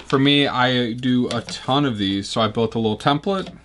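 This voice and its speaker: A man's voice: medium pitch, moderate pace, a little hiss or hum. Man with a Chicago accent in his workshop. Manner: relaxed, matter-of-fact explaining while working. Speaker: guitar builder. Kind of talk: casual workshop how-to. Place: woodworking shop.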